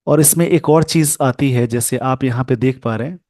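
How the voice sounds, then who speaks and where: Repeating sounds for his students, a man gives a careful, slow English pronunciation lesson via screen share. The pitch is medium and slightly mellow, without any echo.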